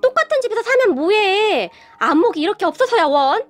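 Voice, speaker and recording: A woman's voice: extremely high pitch, very animated, fairly quick, faint music behind, voice pushed up. A woman voicing a nagging, snobbish middle-aged mother-in-law-to-be who complains in a whiny voice.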